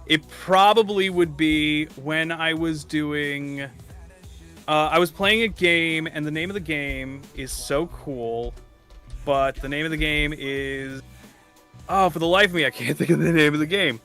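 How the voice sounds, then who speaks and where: A man's voice: on the high side, a little slow, sharp tone, faint music behind. A man chatting as a streamer guest in a casual interview, rambling with lots of fillers, laughing and swearing.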